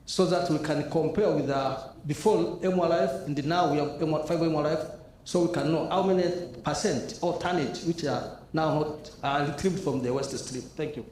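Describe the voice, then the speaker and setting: Mellow-voiced man asking a question. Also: on the high side, a little hiss or hum. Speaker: audience member asking a question. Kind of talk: conference question. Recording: echoey conference hall.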